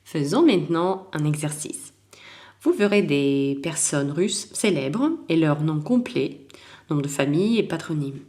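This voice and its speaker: A woman teaching a recorded language lesson, calm and clear, repeating words so learners can practise. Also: sits low, measured pace.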